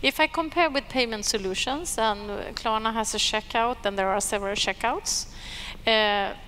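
Panel moderator, woman, higher voice, brisk and direct, stage mic. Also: sharp tone, slight background noise. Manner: brisk questioning. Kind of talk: panel discussion. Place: conference stage.

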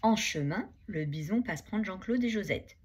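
Expressive breathy storyteller, woman, children's book reading with lively intonation. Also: medium pitch, normal speed.

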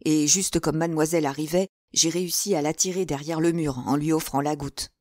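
A woman's voice: steady tone, brisk, a little mellow, no echo, clean studio sound, lightly acted. A woman reading a greedy, nervous jailer. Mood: furtive. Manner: low, furtive and greedy. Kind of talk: audiobook character reading.

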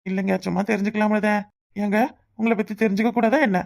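A woman's voice: medium pitch, flat delivery, fast, vocal fry, a little mellow, natural voice. A woman voicing a teasing, persistent village bachelor in a cartoon, with a southern Tamil accent. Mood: wooing. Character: cheeky balding village bachelor, teasing suitor. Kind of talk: cartoon voice acting.

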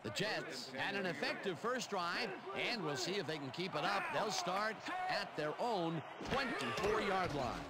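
A man playing an excitable play-by-play football announcer in a video game. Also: sits high, a little slow, hardly any pauses, heavy background noise. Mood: steady, informative. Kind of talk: sports commentary. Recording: loud music over game audio.

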